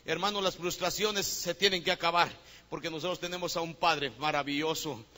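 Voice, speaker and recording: A Guatemalan man preaches with a high, bright, forceful tone. His sermon swings from lively storytelling to loud exhortation. His voice rings through a church hall with a long reverb tail. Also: a little fast. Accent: Guatemalan Spanish. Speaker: pastor.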